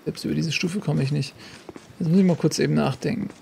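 High, gravelly German let's-player. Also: male voice, fairly even intonation, quick pace, dark tone, slight background noise. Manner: talks to himself and the game, chatty, jokey. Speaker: let's play host. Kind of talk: casual gameplay commentary.

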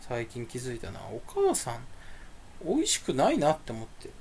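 A young man grumbling through a solo rambling monologue, ranting in complaints that burst out loud, with a voice that sounds angry even when he is not. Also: mid-range voice, normal speed, vocal fry, slight background noise. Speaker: streamer.

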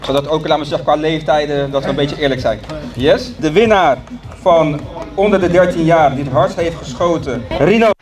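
A man, a club chairman, announcing prizes at an event in a measured way with filler phrases. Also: on the high side, over music.

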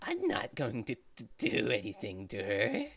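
A woman voicing a scrawny, nervous man threatening a hostage in a visual novel, speaking haltingly. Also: a bass voice, wildly swooping pitch, creaky, breathy edge, dry recording, recorded from a distance, voice pushed down, exaggerated voice. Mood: nervous, insistent. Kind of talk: visual novel character acting.

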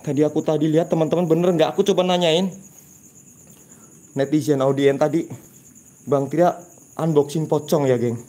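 A man hosting a live night-time ghost-hunting stream, talking in a hushed, urgent voice and often murmuring religious exclamations to his viewers. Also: a little high, steady tone, moderate pace, pauses often. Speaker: ghost-hunting livestream host. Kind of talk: live paranormal ghost-hunt narration. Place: dark building at night, outdoors nearby.

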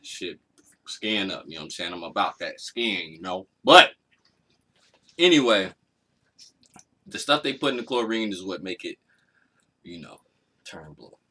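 Deep, bright, and forceful, this Arkansas man's voice has lively intonation and a measured pace broken by long pauses. He's a mukbang vlog host at home in a small room, keeping the chat casual, playful, and full of slang.

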